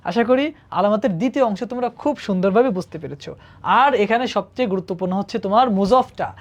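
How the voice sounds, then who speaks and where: Speaking a little fast in a mid-range voice, a woman teaches Arabic grammar as if in a classroom. She is patient with her students, poses questions to them, and frequently asks "ঠিক আছে?" to be sure they follow.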